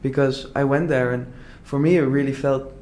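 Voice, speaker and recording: A young Dutch entrepreneur speaks casually and earnestly as an interview guest, packing his talk with "like" and restarts. His voice is medium-pitched and darkish, with fairly even intonation and a moderate pace, over slight background noise.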